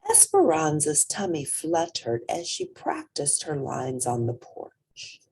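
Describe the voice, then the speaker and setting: Reading a picture book for children, this woman performs with drama and energy. Her deep, husky voice moves slowly, turns breathy and whispery, and stretches out particular words.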